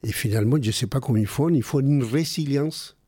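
A man's voice: mid-range voice, a little fast, warm tone, slightly rough, dry recording, studio quality. An older man with a heavy non-native French accent, talking earnestly in a casual conversation and often repeating words while he looks for the phrasing.

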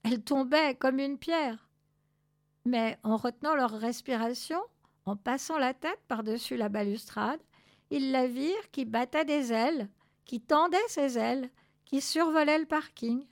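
Storyteller, woman, expressive measured read-aloud, slight fry. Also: sits high. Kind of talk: reading a children's novel aloud.

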